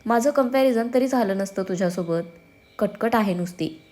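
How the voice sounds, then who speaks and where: A woman's voice: medium pitch, normal speed, darkish tone, close to an everyday voice. A woman voicing a playful, sulky young man who teases his twin brother and slips English slang into his lines. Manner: teasing, whiny, drops in English slang.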